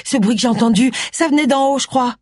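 A woman's voice: sits high, quick pace, darkish tone, dry recording, pitched above the performer's own voice. A woman voicing a whiny, easily scared grown daughter who is a witch, in an audiobook.

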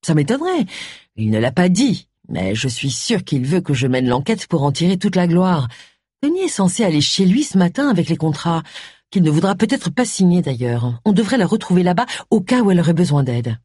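A narrator voicing a sharp-tongued, irritable middle-aged woman detective in an audiobook. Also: medium pitch, big pitch swings, brisk, husky, dry recording, studio quality. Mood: brisk. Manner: irritable, snappish. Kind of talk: audiobook character reading.

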